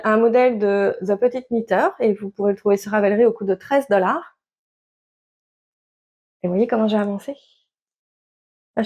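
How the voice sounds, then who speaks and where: A woman with a medium-pitched, somewhat mellow voice does a casual show-and-tell about her knitting for the camera. She hesitates a lot, using many fillers and restarting sentences.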